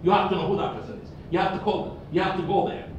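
A man's voice: sits high, level tone, very fast, lo-fi sound. An older man from Ethiopia speaking up from the audience at a public forum, insistent and repetitive as he presses his point. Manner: emphatic, repetitive, rising insistence. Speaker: audience member asking a question. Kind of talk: impassioned public forum comment. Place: large conference room with audience. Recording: very echoey distant room recording, noisy.

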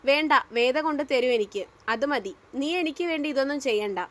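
Woman doing a young husband, brusque, teasing, commanding, high voice, audio story. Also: animated, moderate pace.

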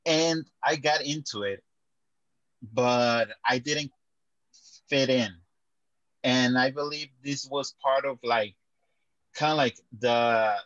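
A young man raised in Mexico speaking on a video call panel from a dim room at home, unhurried and reflective, pausing with fillers. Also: medium pitch, fairly bright tone, no echo. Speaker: writer panelist. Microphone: video call webcam. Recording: dry, dull webcam audio.

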